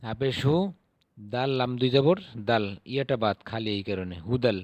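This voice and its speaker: A man's voice: medium pitch, no room sound. Patient male Quran teacher, dry close sound. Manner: patient, spells syllables slowly then drawls out the recited words. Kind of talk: spelling-out Quran recitation lesson.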